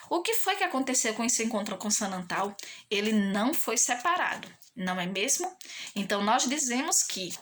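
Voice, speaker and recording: Bright high-voiced teacher talking to children. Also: female voice. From Brazil. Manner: patient and sing-song, asks many tag questions; stretches key words slowly for children. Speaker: primary school teacher. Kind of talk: recorded online lesson for young children.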